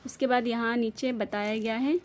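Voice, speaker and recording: A woman with a higher-pitched voice speaks at a moderate pace with fairly even intonation. She is giving a classroom-style grammar lesson, spelling words out letter by letter and posing questions that she answers herself.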